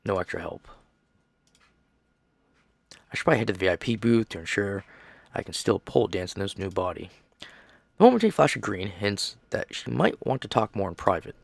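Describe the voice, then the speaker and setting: A man with a low, gravelly voice reads a story game aloud in a dry room, dropping lively asides between lines. His pitch rises and falls a lot. Faint music plays behind him. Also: no room sound. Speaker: game streamer. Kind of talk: narrated game playthrough.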